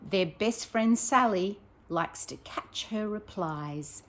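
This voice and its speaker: Reading a picture book aloud to young children, a primary teacher keeps her medium-pitched voice slow and expressive. She encourages her listeners warmly and asks them chatty questions along the way.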